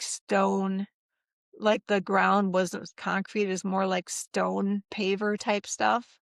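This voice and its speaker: A middle-aged woman with a gravelly, fry-touched voice tells a personal story in a relaxed interview. She is animated, breaking into the voices of the people she quotes. The recording is close and dry. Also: mid-range voice, dry recording. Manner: animated, acts out quoted voices, laughs often. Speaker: interview guest.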